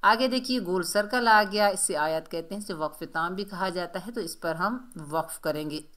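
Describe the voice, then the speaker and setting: A woman with a lowish, fairly bright voice speaks at normal speed, teaching Quran recitation rules in a slow, step-by-step lesson. She explains patiently, corrects common mistakes, and drags out model syllables, repeating them several times.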